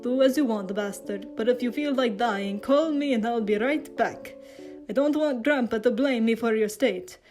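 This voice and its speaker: A woman reading a fanfic aloud, voicing a grumpy, hot-tempered young man who talks gruffly. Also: a little high, moderate pace, a little mellow, soft background music, close to an everyday voice. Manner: gruff, cursing.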